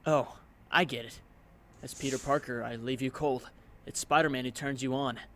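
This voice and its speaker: A man's voice: mid-range voice, fairly even intonation, normal speed, a bit bright, slight background noise, lightly acted. A man voicing an earnest, lovestruck young superhero, torn about who he is, in a dramatic comic dub. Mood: hurt, confused. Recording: music behind the voice.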